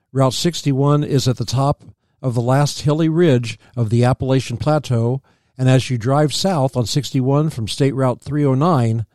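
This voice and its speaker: A man, reading local history aloud as a podcast co-host, steady and plain with small slips. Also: medium pitch, no echo, studio quality.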